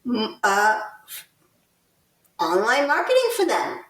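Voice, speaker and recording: A woman with a fairly high voice hosts a local politics podcast, taking her time over each point as she builds a sarcastic case. She sounds set back from the mic in a roomy space, with echo around her words. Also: wildly swooping pitch, a bit bright, recorded from a distance. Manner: deliberate, pointed, sarcastic criticism. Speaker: podcast co-host. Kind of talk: casual political commentary.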